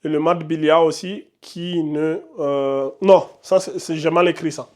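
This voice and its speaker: A man with a fairly high voice teaches Arabic pronunciation for Quran reading. He talks slowly and stretches each letter sound out so learners can copy it. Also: fairly even intonation. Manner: slow, drawn-out demonstration of letter sounds.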